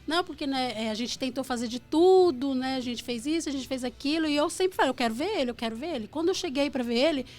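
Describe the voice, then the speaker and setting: Brazilian woman, radio guest; high, fast, earnest storyteller, studio mic. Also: lively intonation, darkish tone, soft background music. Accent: Brazilian Portuguese. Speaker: guest, author of a book. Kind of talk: personal testimony on radio.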